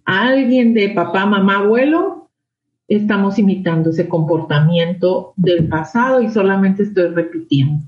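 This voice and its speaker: A woman's voice: medium pitch, moderate pace. A middle-aged woman with a Mexican accent speaks reflectively, often turning her thoughts into questions. The recording sounds roomy, with a dull, lo-fi tone. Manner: talks things through aloud, many rhetorical questions. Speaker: guest sharing her experience. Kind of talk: reflective conversation on emotions and parenting.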